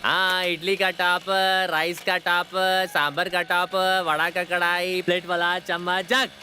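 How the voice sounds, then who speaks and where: An actor playing a pushy young utensil seller with brash, mocking street-seller patter, in a Hindi film dub. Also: male voice, high voice, little pitch movement, a little slow, over music. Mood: hawking. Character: pushy young male pots-and-pans hawker.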